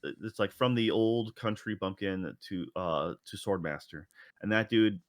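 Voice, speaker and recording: Here a podcast co-host chats casually, rambling and restarting with plenty of fillers. His pitch is fairly low and his speed normal, in studio quality with no echo.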